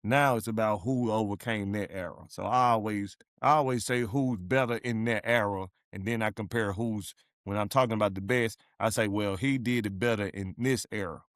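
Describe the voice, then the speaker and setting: Blunt low-voiced man, casual chat. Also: moderate pace, fairly bright tone, no room sound, clean studio sound. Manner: blunt, cuts in, swears. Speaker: podcast co-host.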